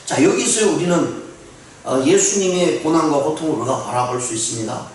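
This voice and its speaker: A man's voice: a little high, moderate pace, a little hiss or hum. A man preaching an early-morning sermon as pastor, earnest and building emphasis on key phrases. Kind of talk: dawn prayer sermon. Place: church sanctuary. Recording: very echoey room, mic at a distance.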